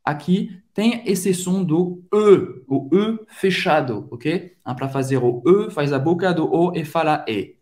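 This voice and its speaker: A native French speaker with a French accent hosts his own channel and teaches a language lesson, stretching out every word to show how it's pronounced. His voice runs high, animated and a little mellow, and he works through slow, drawn-out pronunciation drills.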